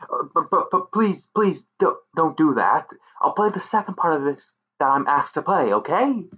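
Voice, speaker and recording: A man's voice: low-pitched, very animated, unhurried, full character voice. A man voicing a timid, nervous extra who stutters and pleads. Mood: pleading. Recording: muffled lo-fi recording.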